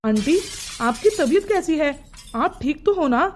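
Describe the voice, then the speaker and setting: A woman voicing a polite young married man from a wealthy family in a cartoon story, with a deepened, distant-sounding voice. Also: expressive, unhurried, a little hiss or hum. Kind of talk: cartoon voice acting.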